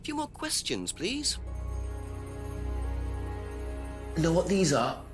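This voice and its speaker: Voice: mid-range voice, huge pitch swings, a little slow. An actor playing a polite, inquisitive detective questioning villagers in a video game. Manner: polite, probing. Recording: loud music behind the voice.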